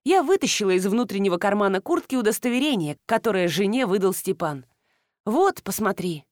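A woman narrating a first-person story in a wry, brisk way with animated dialogue. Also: mid-range voice, dry recording, clean studio sound. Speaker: audiobook narrator.

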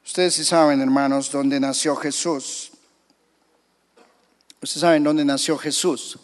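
A pastor with a high voice preaches with dramatic emphasis. His words ring out in a church hall that has a long reverb. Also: steady tone, a little slow. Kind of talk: sermon.

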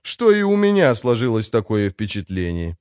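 A man voicing a bold, swaggering warrior woman in an audiobook, slow and mocking. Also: fairly low pitch, huge pitch swings, darkish tone, clear, resonant tone, no echo, clean studio sound. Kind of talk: audiobook character voice.

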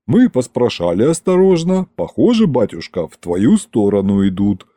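A man's voice: medium pitch, huge pitch swings, normal speed, mellow, no echo, clean studio sound. A man reading an audiobook who voices a burly, deferential merchant speaking in old-fashioned, humble phrases. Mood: respectful. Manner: bowing, old-fashioned and respectful.

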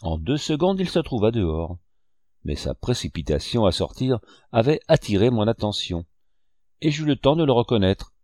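Narrating a scripted audiobook, a man keeps a steady, measured storytelling style in a medium-pitched voice. The audio is dry and studio-clean.

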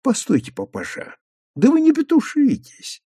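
Мужчина озвучивает хитрого молодого сыщика, который говорит спокойно и насмешливо. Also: male voice, very high voice, dry recording, clean studio sound, voice pushed up, heavily acted. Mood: calm. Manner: calm, mocking, drawn-out. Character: sly calm young male detective.

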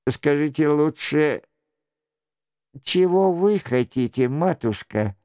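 A man's voice: on the high side, animated, slow, darkish tone, clear, resonant tone, dry recording, studio quality, pitched above the performer's own voice. A man voicing a sulky, evasive young royal duke who talks in a petulant way.

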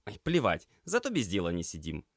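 A man voicing a cheerful, energetic young male paramedic trainee who talks briskly and teases his friend. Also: low-pitched, dry recording, clean studio sound, full character voice. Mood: upbeat. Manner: brisk, upbeat and teasing.

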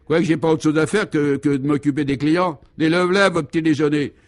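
A man voicing a rude, surly hotel chambermaid who yells insolently in a radio comedy. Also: steady tone, brisk, lightly acted. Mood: angry. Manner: shrill, yelling, insolent. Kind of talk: 1950s radio comedy acting.

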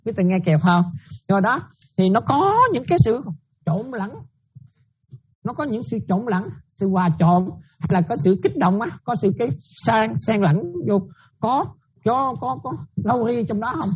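A woman's voice: a little high, expressive, unhurried, husky, muffled recording. A Buddhist nun giving a dharma talk, often checking that her listeners follow and repeating her points.

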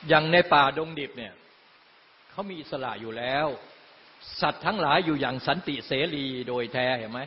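A man's voice: a little high, animated, moderate pace, slight background noise. A man giving a dharma talk to retreat participants, preaching conversationally with frequent tag questions. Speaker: dharma teacher. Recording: dull lo-fi sound in a long-reverb hall.

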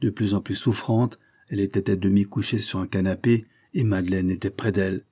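A man reading a classic novel aloud in a steady, measured audiobook narration. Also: on the low side, husky.

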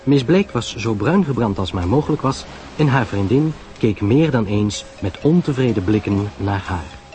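A man narrating a radio drama in a lively storytelling manner. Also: fairly low pitch, normal speed, soft background music.

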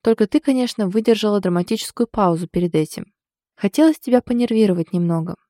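A woman reading a stubborn, sharp-tongued wife. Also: medium pitch, fast, no echo, clean studio sound, close to an everyday voice. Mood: ironic stubborn. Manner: ironic, sulky, sharp. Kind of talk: audiobook character reading.

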